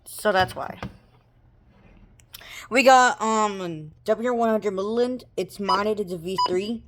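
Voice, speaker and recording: In a noisy room filled with clicks from handling and snatches of radio broadcasts, a woman casually showcases gear as a hobbyist. Her mid-range voice comes across halting, rambling and improvised.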